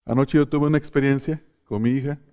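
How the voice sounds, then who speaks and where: A man's voice: medium pitch, steady tone, brisk, dark tone, lo-fi sound. A middle-aged man preaching a sermon as pastor, telling family stories with laughter and calling the congregation brothers.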